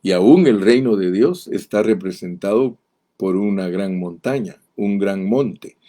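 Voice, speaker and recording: Guy preaching a bible study, slow and deliberate, warm low voice. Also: lively intonation. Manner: slow, deliberate, reads verses aloud emphatically; addresses listeners directly. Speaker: pastor. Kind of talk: expository Bible teaching.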